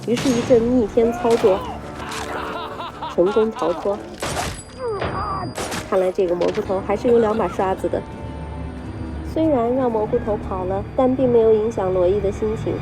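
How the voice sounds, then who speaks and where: A woman narrating a film recap in a brisk storytelling delivery, reading a script. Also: medium pitch.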